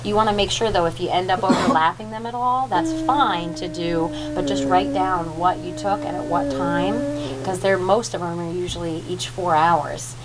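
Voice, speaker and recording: A woman's voice: fairly low pitch, expressive, moderate pace, few pauses. A woman working as a dental assistant, patiently and informally explaining aftercare instructions in detail and checking she is understood. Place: clinic recovery room. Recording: noisy room with background ambience.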